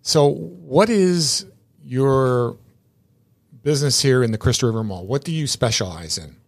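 A man's voice: medium pitch, expressive, unhurried. A man hosting a casual interview, chatty and rambling, often repeating words as he starts a sentence. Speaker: interview show host.

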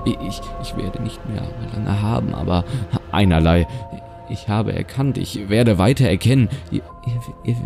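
Man doing frail old grandpa, paranoid, stammering, gravelly, raised pitch. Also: moderate pace, mellow. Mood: bitter. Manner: stammering, repeating words. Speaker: nursing home resident. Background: music.

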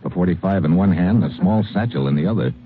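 Deep-voiced hard-boiled adventurer. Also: male voice, animated, fast. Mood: wry, tense. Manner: terse, slangy, tough. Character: hard-boiled, wry male adventurer narrating his case. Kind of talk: 1950s radio crime drama narration. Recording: tinny old radio broadcast.

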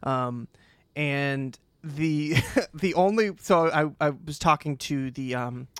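A man in his thirties co-hosting a podcast, talking quickly and eagerly and laughing as he goes. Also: fairly high pitch, clean tone, dry recording. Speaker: podcast co-host. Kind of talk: casual chat.

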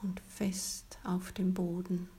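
A woman leading a guided relaxation in a soft, soothing, breathy spa-like whisper, as scripted narration. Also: lowish voice, little pitch movement, takes it slowly.

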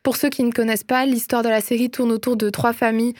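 A young woman with a slightly high voice chats eagerly about films and shows she loves. She talks in an easygoing, lively way and laughs often. The recording is close and dry. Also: fast, no room sound. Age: young adult. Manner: chatty, enthusiastic, laughs often. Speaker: host. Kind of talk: casual film and series recommendations.

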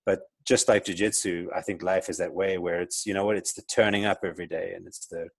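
In a casual interview on a podcast, the guest, a middle-aged South African entrepreneur, speaks a little fast in a low, husky voice with vocal fry and fairly even intonation. He muses reflectively, restarting often and using many fillers, on a dry recording.

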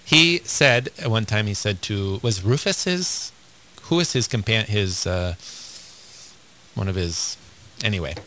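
A man hosting a radio show in casual chat, enthusiastic and quick to laugh, recorded in a studio. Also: fairly low pitch, very animated, sharp tone, slight background noise.

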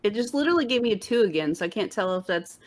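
A woman's voice: mid-range voice, lively intonation, rapid-fire. A woman playing a tabletop role-playing game, chatty and matter-of-fact as she asks about the scene and rolls dice. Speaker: player. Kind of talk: casual tabletop game play.

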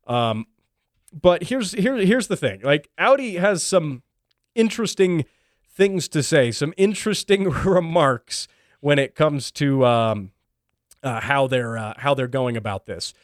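A man with a fairly high voice, talking in a loose, wry way with lots of ums and self-corrections. The sound is dry and close, with no room around it. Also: expressive, unhurried, dry recording. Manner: chatty, wry, lots of fillers and restarts. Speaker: show host. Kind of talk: casual commentary.

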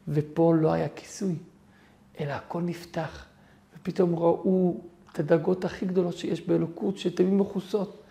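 Rabbi teaching with emphatic storytelling. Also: male voice, fairly high pitch, vocal fry, warm tone. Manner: storytelling with emphatic rises, acting out quoted voices. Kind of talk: Torah portion lesson.

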